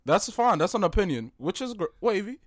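Lively young New man hosting. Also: high voice, a little fast, no room sound, clean studio sound. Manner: animated, laughs often, repeats himself. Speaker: podcast host. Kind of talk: casual chat.

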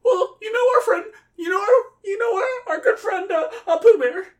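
A man's voice: very high voice, moderate pace, far from the mic. A man voicing a small, timid stuffed piglet who frets and stammers, in an improvised comic story. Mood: tearful, nervous. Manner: stammering, fretful.

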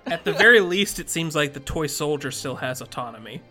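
A man's voice: fairly high pitch, expressive, fairly quick, pushed and bright, soft background music. A man hosting a podcast, casually recapping a plot with frequent "uh"s and laughs. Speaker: podcast host.

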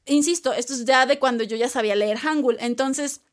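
A woman's voice: sits high, a little fast. A woman with a Mexican Spanish accent, co-hosting a casual chat in a chatty, playful way with lots of fillers and asides.

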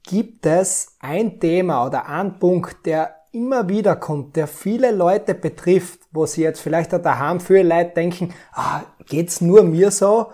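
A woman hosting a podcast interview, asking measured questions. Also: low-pitched, dark tone. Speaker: podcast host.

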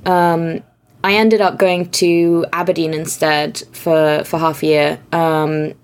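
A woman's voice: deep voice, little pitch movement, takes it slowly. A young woman from Austria, a guest in an interview, talking chattily with frequent laughs and restarts. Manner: chatty, self-deprecating, laughs often, many restarts. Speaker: guest, narrative designer. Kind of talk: conversational interview.

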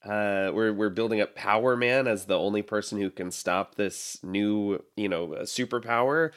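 A man's voice: on the low side, moderate pace, fairly bright tone. A man co-hosting a podcast, chatting enthusiastically about upcoming comics, often repeating words as he starts a thought. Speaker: podcast co-host. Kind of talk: casual chat.

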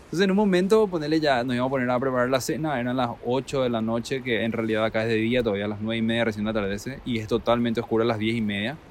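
A man telling a travel story in a casual, animated way, acting out quotes and laughing. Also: medium pitch, rapid-fire, hardly any pauses, slight background noise.

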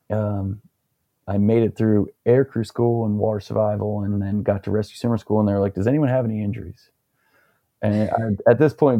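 A young man with a low, gravelly voice and a very dark, husky tone tells a long story in a loose, rambling way. He fills his speech with fillers and small laughs, and the dry sound puts him close to the mic. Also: dry recording, highs cut off. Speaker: interview guest. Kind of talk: casual storytelling.

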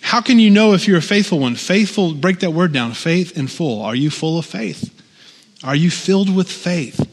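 A man's voice: high voice, lively intonation, normal speed. Man preaching in a reverberant hall. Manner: conversational, frequent "right?" asides. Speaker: pastor. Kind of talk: sermon.

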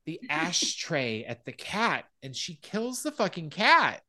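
A man's voice: on the high side, sing-song, slow pace, bright, forceful tone. A man hosting a podcast, casually retelling a film scene by scene and acting out quoted lines. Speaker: podcast host.

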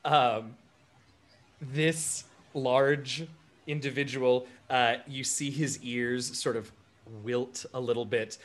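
A man narrating a tabletop game as game master, relaxed and unhurried, with many fillers. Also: mid-range voice.

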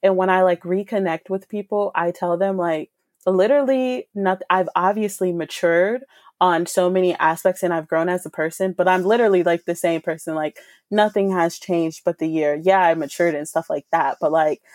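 Casting note: twenties woman, low-set voice, loose filler-heavy chat, dry close recording. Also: steady tone, moderate pace, a little mellow, no room sound. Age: 20s. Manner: chatty, many fillers and restarts. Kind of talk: casual chat.

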